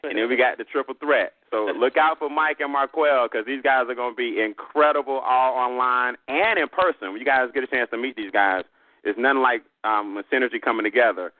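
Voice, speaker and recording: A man from the American South pitching a business opportunity with sales-style enthusiasm over a call. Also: a little fast, dry recording. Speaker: guest trainer. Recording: tinny phone line.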